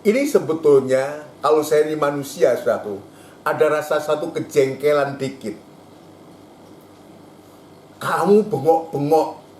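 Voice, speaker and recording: A man preaching a sermon, emphatic, repeating his phrases and climbing high when he quotes. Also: moderate pace, darkish tone, reverberant, slight background noise. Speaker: pastor. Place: church hall.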